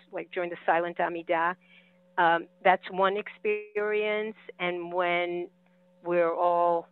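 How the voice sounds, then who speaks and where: A woman introducing herself in an online class, polite and measured, over a tinny call connection. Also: lowish voice, clean tone. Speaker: class participant. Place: online video meeting.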